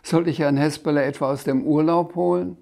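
A man's voice: on the high side, a little fast, vocal fry, voice pushed up. A man voicing a patient, mild-mannered grown man in a storybook reading. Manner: calm, patient, reasoning.

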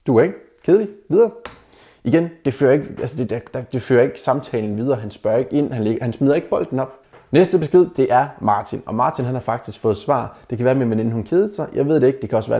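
A man's voice: mid-range voice, gravelly, mellow. A man giving casual dating advice to the camera, bluntly mocking the messages he critiques and calling his viewers guys. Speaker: dating advice video maker.

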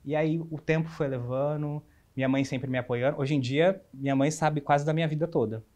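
A man's voice: on the high side, fairly even intonation, a little fast, darkish tone. A young man in his twenties with a Brazilian Portuguese accent, a guest speaking openly and earnestly about his life, with frequent restarts. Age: 20s. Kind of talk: candid personal interview.

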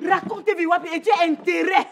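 A woman's voice: very high-pitched, fairly even intonation, fairly quick, gravelly, background noise. A woman playing a furious mother who scolds her grown son with repeated demanding questions in a comedy web series. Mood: scolding. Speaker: angry mother.

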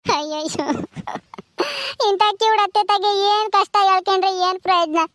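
A woman's voice: extremely high pitch, moderate pace, a bit bright, a little hiss or hum. A woman voicing a grieving middle-aged village wife who wails and complains. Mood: tearful. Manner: wailing and complaining.

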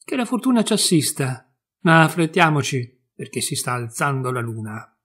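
A man's voice: a little high, sing-song, normal speed, fairly bright tone, slightly rough, full character voice. A man voicing a scheming male thief who mocks and plots, in a storybook reading. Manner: mocking, conspiratorial. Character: two scheming male thieves, mocking.

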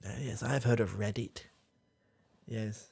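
Filmed close up in a small, dim room with coloured lights, a young Brit with his face near the camera acts out a comedy ASMR bit as a proud, confused grandad baffled by technology. He rambles and hesitates, full of fillers and restarts, in an exaggerated, fairly low voice with steady tone and measured pace. There's vocal fry, a slightly rough, somewhat mellow texture, and the recording is dry.

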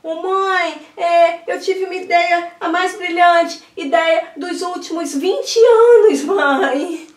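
A woman's voice: very high-pitched, takes it slowly, hardly any pauses. A woman playing a frazzled young mother in a pretend-play skit, pleading and exasperated. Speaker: channel host. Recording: echoey room, far from the mic.

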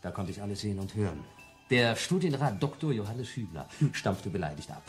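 A man's voice: on the low side, sing-song, brisk, soft background music. An actor playing a cheeky young male student who eagerly tells friends a wild story, laughing and mimicking voices in a radio play. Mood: amused storytelling. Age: young adult. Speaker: schoolboy telling friends his adventure. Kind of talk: German radio play acting.

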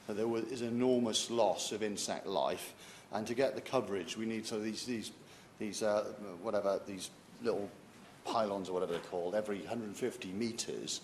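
A man's voice: lowish voice, moderate pace, slight background noise. A man making a rambling intervention in a parliamentary debate, searching for words as he speaks. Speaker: member of parliament. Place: large debating chamber.

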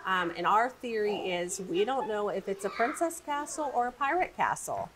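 Over a crowd and through poor audio, a woman with a medium-pitched, very animated voice speaks at normal speed. She's the director of a children's museum, explaining its play areas in an upbeat, casual interview full of fillers, with noise audible behind her.

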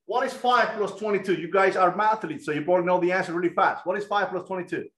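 A middle-aged man with a Cuban Spanish accent giving an energetic online math lesson and quizzing students over a video call headset. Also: sits high, quick pace, reverberant, poor audio. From Cuba. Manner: energetic, asks students questions. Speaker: guest lecturer.

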